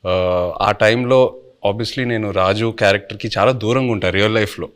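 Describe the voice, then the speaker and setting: A man, a lead actor, answering in a promo interview in a measured, reflective way, dropping in English words. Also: lowish voice, fairly bright tone.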